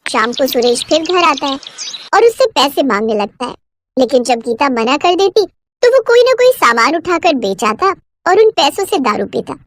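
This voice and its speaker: High-voiced woman narrating a cartoon. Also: sing-song, moderate pace. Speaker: storyteller.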